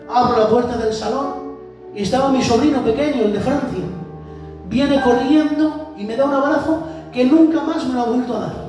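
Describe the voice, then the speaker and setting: Fervent preacher in echoey church. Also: male voice, extremely high pitch. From Spain. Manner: impassioned, rising to shouts, addresses the church directly. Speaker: visiting preacher. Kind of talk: fervent sermon. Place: church hall. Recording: very echoey church hall, far from the mic, music behind.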